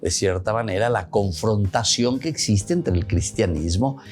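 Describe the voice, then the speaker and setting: A man with a Paraguayan Spanish accent delivers a reflective homily in a deep, low voice. He keeps slipping between Spanish and Guaraní and circles back to repeat his points. Faint music plays behind him. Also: expressive, moderate pace, darkish tone. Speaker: priest.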